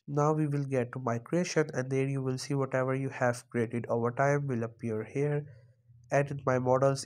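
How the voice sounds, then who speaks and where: A man narrating a screen-recorded software tutorial, explaining each step plainly, with some non-native phrasing. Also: medium pitch.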